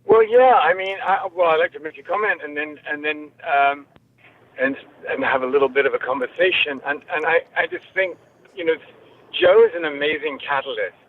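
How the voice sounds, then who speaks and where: A woman calling in from a moving car over a clipped phone line, talking earnestly and haltingly, with many restarts. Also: sits low. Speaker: caller. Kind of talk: call-in chat. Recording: tinny phone line with road noise.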